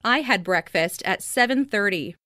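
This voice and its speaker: A woman reading simple English phrases slowly and carefully for learners, saying each one twice. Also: mid-range voice, animated, pushed and bright, no echo, clean studio sound. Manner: careful, clearly enunciated, each sentence said twice.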